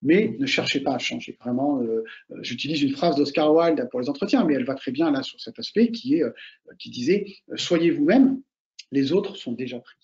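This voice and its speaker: A man, an author and oral exam coach, giving casual, animated advice and repeating his key points straight to the listener. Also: mid-range voice, a little fast, muffled recording. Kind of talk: casual advice talk to students.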